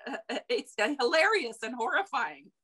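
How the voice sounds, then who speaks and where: A woman's voice: on the high side, animated, normal speed, bright, forceful tone, breathy edge. A woman interviewer on a video call, enthusiastic and chatty with many fillers. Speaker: interviewer and host. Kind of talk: casual interview chat.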